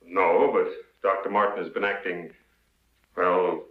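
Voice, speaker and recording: A formal, defensive male scientist with a lowish voice, in a 1950s film drama. The soundtrack is echoey and dull. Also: steady tone, measured pace.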